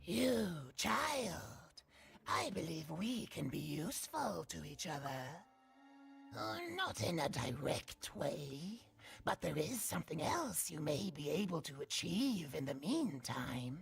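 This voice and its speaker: An actress playing a furtive, scheming trader in a video game, creaky and halting, slyly coaxing and dropping toward breathy whispers. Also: female voice, low voice, very animated, soft background music, heavily acted. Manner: halting, secretive, hinting slyly. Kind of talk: video game character acting.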